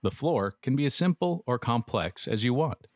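A man's voice: mid-range voice, expressive, moderate pace, background noise. A middle-aged man giving dry, matter-of-fact scripted narration for a metal workshop how-to, with wry asides. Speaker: metalworking instructor. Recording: voice-over with music bed.

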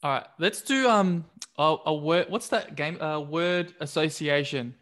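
A man's voice: a little high, a little slow, fairly bright tone. Rambling Australian man hosting a podcast. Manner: rambling, self-interrupting. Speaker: podcast host. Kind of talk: casual podcast interview.

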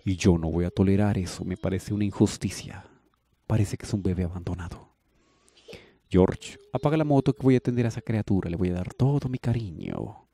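Guy doing a soft caring rich gentleman, low husky voice. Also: a little fast, no room sound. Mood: urgent. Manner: soothing, affectionate, indignant at injustice. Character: gentle rich young man, tender and caring.

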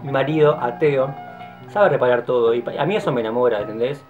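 Speaking to camera in a casual vlog, a young man in his twenties with a Rioplatense Spanish accent rattles along very quickly, correcting himself and repeating words. He's playful and gushing, yet often drops into soft, low side comments. The sound is phone quality, with faint guitar music underneath.

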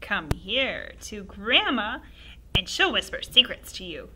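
A woman's voice: mid-range voice, big pitch swings, slow, sharp tone, breathy edge, exaggerated voice. A woman reading aloud and voicing a sinister old grandmother who seems to be a witch, relishing and wheedling by turns. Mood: coaxing, menacing. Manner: relishing, wheedling, then throaty whispering.

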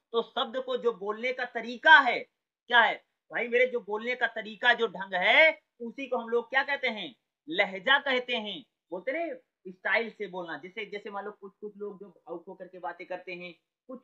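A man's voice: high voice, bright, forceful tone, lo-fi sound. A man teaching an exam-prep lesson in a conversational way, often asking a question and then answering it himself. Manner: conversational, repeats words, asks and answers his own questions.

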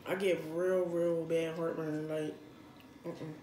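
A woman's voice: low voice, flat delivery, takes it slowly, dark tone. An American woman chatting casually as a mukbang host, talking between mouthfuls of chips and dip. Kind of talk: casual chat while eating. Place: indoor room at a table. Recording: echoey room with background noise.

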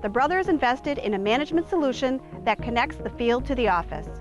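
A woman reporter reads smooth, scripted narration in a slightly high voice. Clear music plays beneath her words. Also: animated, fast talker.

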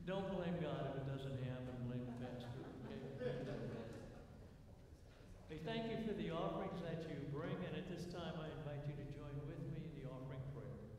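Old guy pastor doing church prayers, solemn and measured, mic far off, long cathedral echo. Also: fairly high pitch, expressive, crowd noise. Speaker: pastor leading a church service. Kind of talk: liturgical prayer and scripted worship reading. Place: church sanctuary, at the altar. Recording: cathedral-like echo, distant mic, faint noise.

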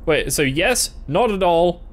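A young adult man hosting a gaming video does casual, playful let's-play commentary, reacting and reading game text aloud. He has a high voice with lively intonation at a measured pace.

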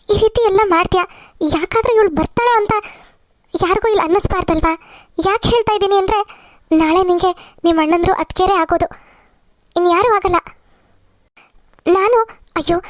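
Cartoon matriarch, lecturing and caring, voiced by a woman, very high, dry. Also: no echo. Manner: lecturing, advising. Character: mother, firm but caring matriarch. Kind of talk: cartoon serial voice acting.

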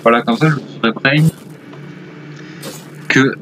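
A man's voice: mid-range voice, steady tone, takes it slowly, crowd noise, poor audio. A man hosting a gaming video with casual, rambling commentary. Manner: rambling, chatty. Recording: faint game ambience behind voice. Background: video game sounds.

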